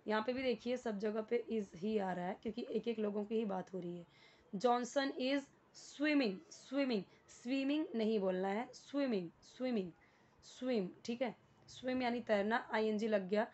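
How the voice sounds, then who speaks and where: A patient woman teacher with an Indian accent walks through a worksheet, repeating words and spelling them out letter by letter. Her voice sits fairly high, and the recording sounds a little dull and muffled. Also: moderate pace, darkish tone. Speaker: English teacher. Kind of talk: explaining a worksheet lesson.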